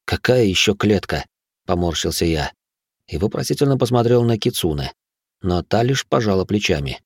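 A man with a fairly low voice reads a first-person adventure audiobook, with a dry, wry edge. The recording is close and dead, with no room sound. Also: very animated, brisk, a little mellow, breathy edge, no echo. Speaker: audiobook narrator.

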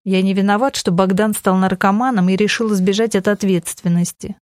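A woman's voice: mid-range voice, fairly even intonation, fairly quick, darkish tone, no echo, studio quality, lightly acted. A woman voicing a cold, domineering middle-aged man who speaks curtly and defensively in an audiobook. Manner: curt, defensive, self-justifying.

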